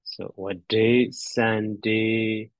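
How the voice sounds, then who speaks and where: Casting: male grammar teacher, low-pitched, very slow and halting, repeats forms aloud, dull lo-fi sound. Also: level tone. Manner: halting, repetitive, thinking aloud. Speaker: teacher, addressed as a Buddhist monk. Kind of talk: grammar lesson on verb endings, reciting forms. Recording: dull, roomy lo-fi audio.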